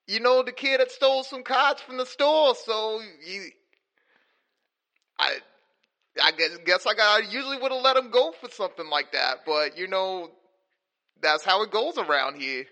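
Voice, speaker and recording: A man's voice: high-pitched, normal speed, sharp tone. A man voicing a middle-aged small-town police chief from New York who rambles, packing his talk with "you know". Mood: rambling.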